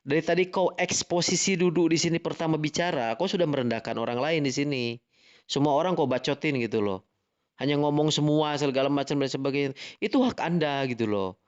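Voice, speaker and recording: A man with an Indonesian accent argues heatedly in an online live-stream voice chat, lecturing angrily and repeating "gitu loh" over and over. His voice is a little high, fairly quick, clear and resonant, though the sound is lo-fi.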